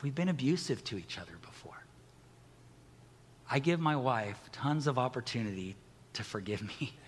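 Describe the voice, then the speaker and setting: A man's voice: mid-range voice, a bit bright, big-room sound, a little hiss or hum. A middle-aged man preaching a sermon as pastor, candid and conversational, with self-deprecating humor.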